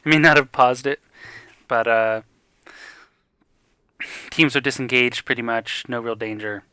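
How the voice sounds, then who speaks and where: Hiccuping young esports caster, bright voice. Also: male voice, mid-range voice, clear, resonant tone, no room sound. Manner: rapid excited play-by-play that rises in fights. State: has the hiccups. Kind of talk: live esports commentary.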